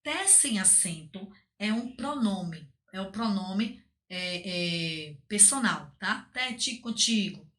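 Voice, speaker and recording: A woman's voice: medium pitch, expressive, takes it slowly, a bit bright. A Brazilian woman with a Brazilian Portuguese accent, teaching a school language lesson and explaining patiently, often checking in with the class. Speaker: Spanish teacher.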